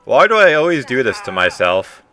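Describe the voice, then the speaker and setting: A man's voice: medium pitch, big pitch swings, a little fast, bright, forceful tone, faint music behind. Wry man commenting on his gameplay. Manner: wry, self-mocking. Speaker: streamer.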